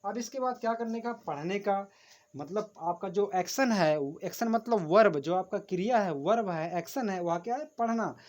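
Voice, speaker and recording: A man's voice: sits high, moderate pace, a little mellow. A man teaching a grammar lesson, patiently repeating each point and often addressing his viewers as friends while writing on a board. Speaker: English teacher.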